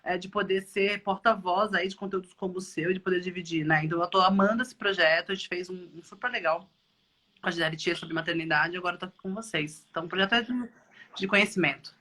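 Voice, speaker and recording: A Brazilian woman hosting a casual online chat, lively and thinking aloud as she talks. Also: fairly low pitch, fast talker. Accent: Brazilian Portuguese. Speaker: live stream host. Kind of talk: casual video-call chat.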